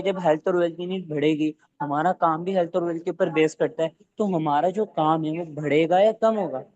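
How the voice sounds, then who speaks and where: A man leading an online training session for his team, talking fast and quizzing listeners with either-or questions. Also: a little high, darkish tone, no room sound, lo-fi sound.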